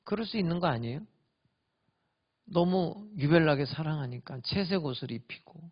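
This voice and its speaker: A male pastor preaching a sermon, swinging between loud emphatic lines and hushed whispers. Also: a little high, lively intonation, moderate pace, highs cut off. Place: church sanctuary.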